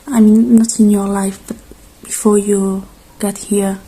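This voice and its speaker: The recording is low quality, carrying a woman's mid-range, slightly rough voice in a level tone. She's doing a gentle ASMR roleplay, alternating with whispers and speaking in brief, halting, comforting phrases.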